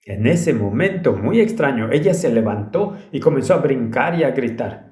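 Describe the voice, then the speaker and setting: A man's voice: mid-range voice, expressive, moderate pace, darkish tone. A man preaching a sermon, telling a story in an earnest and urgent way. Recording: roomy echo.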